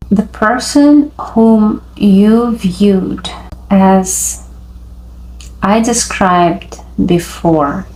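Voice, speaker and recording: Slow gravelly-voiced woman reading tarot. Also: medium pitch, a little mellow, slight background noise, rough recording. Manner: halting, dreamy, pauses often. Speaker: tarot reader.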